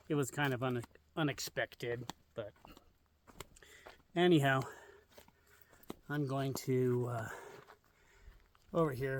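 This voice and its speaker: A man's voice: medium pitch, distant mic, a little hiss or hum. A man casually vlogging from a clifftop campsite outdoors, rambling with lots of fillers. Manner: rambling, easygoing, many fillers. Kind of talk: casual camping vlog.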